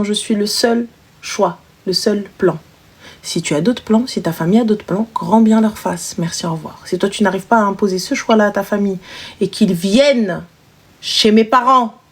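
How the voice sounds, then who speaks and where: A woman's voice: mid-range voice, normal speed, slightly rough. A young woman hosting a live call-in stream, speaking bluntly and teasing her callers. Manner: blunt, teasing, switches into exaggerated mother voices. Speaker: live stream host taking calls. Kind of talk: casual live call-in chat.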